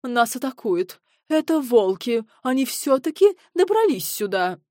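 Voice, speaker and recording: A jittery, panicky nobleman creature, acted out by a woman reading a storybook. His cries are raised and loud. The recording is dry and close. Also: a little high, sing-song, measured pace, no room sound, voice pushed up. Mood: panicked. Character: nervous lord creature, male, panicky.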